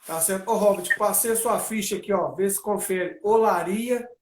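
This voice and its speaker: Male live-stream interviewer with a high pitch, friendly tone, roomy echo. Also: normal speed, slight background noise. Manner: friendly, reads out lists. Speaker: interview host. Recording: echoey room.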